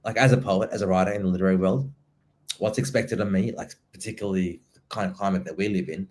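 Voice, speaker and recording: A man from Somalia, hosting a casual podcast interview and speaking haltingly, with many restarts and repeated words. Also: sits low, darkish tone. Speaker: podcast host, writer and poet.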